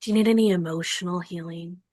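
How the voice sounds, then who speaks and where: A woman's voice: lowish voice, fairly even intonation, fast, darkish tone, no room sound, studio quality, natural voice. A woman voicing a tiny, relentlessly cheerful gnome in a tabletop game, bubbly and eager. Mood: chipper.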